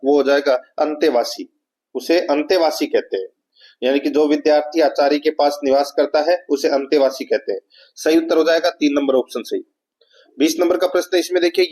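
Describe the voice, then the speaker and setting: A man's voice: a little high, a little mellow. A man teaching an exam-prep lesson, repeating key phrases and asking rhetorical questions that he answers himself. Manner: repeats key phrases and often addresses viewers as friends.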